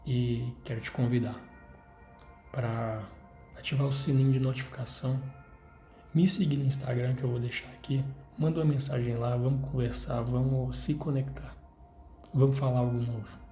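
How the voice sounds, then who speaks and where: A man's voice: mid-range voice, level tone, moderate pace, mellow. A young man in his twenties with a Brazilian Portuguese accent, giving an earnest personal faith testimony to his viewers and repeating phrases as he urges them on. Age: 20s. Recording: roomy echo, faint music behind.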